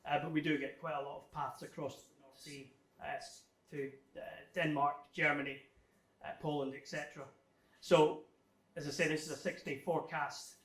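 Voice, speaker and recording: An amateur radio club guest speaker gives an informal technical slide presentation to an audience in an indoor room, explaining things conversationally and somewhat hesitantly. His voice is on the high side, level and fairly bright, at a moderate pace. The room is echoey and the microphone distant.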